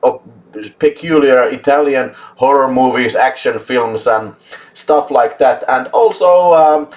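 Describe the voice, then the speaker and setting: A man's voice: medium pitch, a little slow, darkish tone. Enthusiastic Finnish-accented man hosting. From Finland. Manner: enthusiastic, laughs often, swears for emphasis. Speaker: host. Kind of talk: casual live chat.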